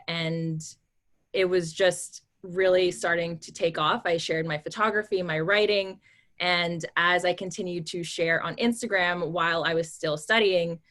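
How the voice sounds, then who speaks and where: Low-voiced woman panelist from the Philippines. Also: a bit bright. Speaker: panelist, influencer. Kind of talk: casual panel talk.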